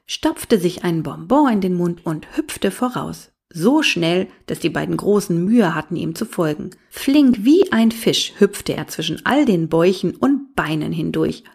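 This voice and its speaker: A woman reading a storybook aloud in a lively, expressive narration. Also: on the low side, a little slow, gravelly, few pauses, slightly rough. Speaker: audiobook reader.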